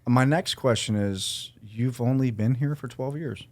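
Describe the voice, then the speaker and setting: A man hosting a podcast, relaxed and upbeat, talking in a casual, slangy way with his guest. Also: mid-range voice, unhurried, noisy background. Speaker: podcast host. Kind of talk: casual interview chat.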